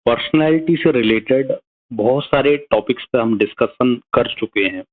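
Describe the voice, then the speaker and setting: A man's voice: medium pitch, normal speed. A man explaining psychology in a casual video lesson, often checking in with his viewers. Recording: narrow phone-like sound.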